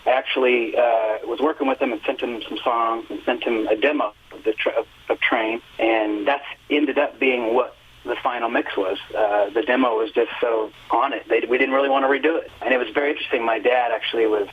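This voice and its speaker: A singer and music teacher in his fifties talks fairly quickly at medium pitch with fairly even intonation. In a relaxed phone interview he tells long, earnest stories laced with fillers, heard over a tinny telephone line.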